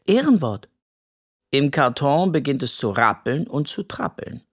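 A storyteller gently reading a children's audiobook. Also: medium pitch, expressive, moderate pace.

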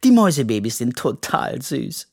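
A storyteller voicing an excitable, affectionate young girl in a children's audiobook with a bright, high voice. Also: moderate pace, husky, no room sound, clean studio sound. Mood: eager. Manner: eager and affectionate. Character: kind, excitable girl friend.

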